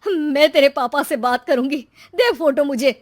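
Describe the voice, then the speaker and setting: A naive, worried mother from an animated moral story, played by a woman, high in pitch. She speaks in an anxious, protesting manner. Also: moderate pace, lightly acted. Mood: alarmed.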